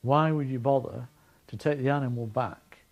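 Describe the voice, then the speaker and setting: A man answering interview questions as an investigator of animal deaths, recounting events in a measured way with frequent restarts. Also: mid-range voice, highs cut off.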